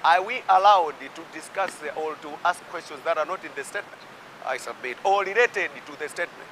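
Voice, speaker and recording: A man's voice: a little high, a little fast, noisy background. A man with a Malawian accent raising a formal, assertive objection in parliament as a minister. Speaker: government minister. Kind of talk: formal point of order in parliament. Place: parliament chamber.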